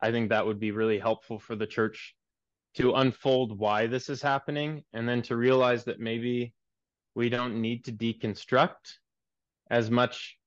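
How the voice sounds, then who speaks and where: A man's voice: medium pitch, fairly even intonation, a little slow, no room sound. A man in his twenties, a pastor guest on a podcast, speaking in an earnest, preacherly way over a remote call. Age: 20s. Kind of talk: podcast interview. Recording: dull, dry lo-fi sound.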